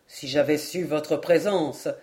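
A woman doing a bitter, gruff lord. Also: takes it slowly, darkish tone. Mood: surprised. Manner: low, heavy, curt. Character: grim, bitter Scottish lord, middle-aged man.

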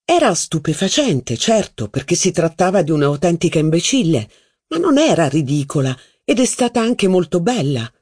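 A man's voice: normal speed, breathy edge. A man reading an audiobook, voicing a haughty, witty duchess who gossips with mocking flair. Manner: mocking, gossipy, lively pitch. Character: haughty witty middle-aged aristocratic duchess.

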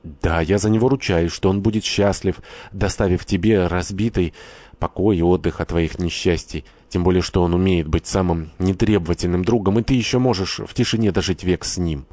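A kindly woman speaks gently, trying to soothe and calm, as a man reads her in a storybook. The voice is deep and sits close to the mic. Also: brisk, dry recording. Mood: soothing.

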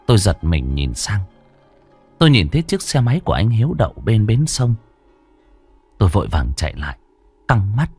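Low, dramatic male ghost-story narrator. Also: darkish tone, dry recording. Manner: dramatic, suspenseful.

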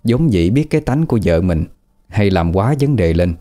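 A man narrating a ghost story in a steady storytelling manner. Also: lowish voice, normal speed, faint music behind.

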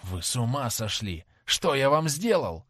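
Man doing a young gentleman, tense, urgent, animated pitch, dry close sound. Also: measured pace, no echo. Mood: frightened. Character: young gentleman, frightened then cold and haughty.

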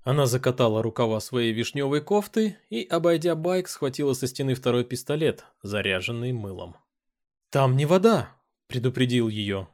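A man's voice: medium pitch, lively intonation, normal speed, few pauses, darkish tone. Man narrating an audiobook, playful. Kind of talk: first-person audiobook narration with character dialogue.

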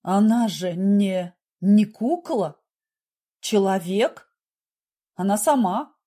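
A woman voicing a desperate, sweating businessman who pleads and shouts in panicky outbursts. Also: very high-pitched, animated, takes it slowly, husky, heavily acted. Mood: helpless.

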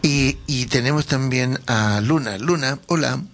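A man hosting a casual radio interview in a studio. He talks in a relaxed, hesitant way and often repeats words. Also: mid-range voice, measured pace. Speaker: radio host. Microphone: studio microphone.

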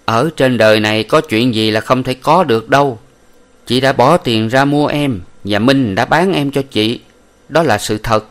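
A man voicing a shrewd, smooth-talking brothel madam in an audiobook, coaxing and sweet. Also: medium pitch, moderate pace, pitched above the performer's own voice, close to an everyday voice. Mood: blunt. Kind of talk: audiobook character voice.

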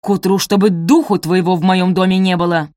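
Audiobook villain: icy, scornful middle-aged stepmother voiced by a woman, low and commanding, dry studio sound. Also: normal speed, no room sound, lightly acted. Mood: cold, scornful. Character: cold, cruel middle-aged stepmother, hissing and contemptuous.

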